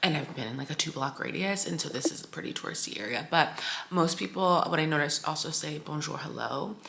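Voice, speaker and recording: A woman's voice: deep voice, fairly quick, vocal fry, a bit bright, slight background noise. A young American woman chatting casually in a vlog, rambling with lots of fillers and self-corrections. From United States. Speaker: travel vlogger.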